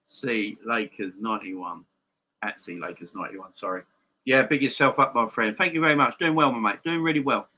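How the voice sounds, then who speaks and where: Man, football live-stream host, sharp bright voice, slight lisp from missing front tooth, casual, emphatic, repetitive phrasing. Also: medium pitch, brisk, a little hiss or hum. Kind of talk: casual live-stream chat and football opinion, addressing viewers.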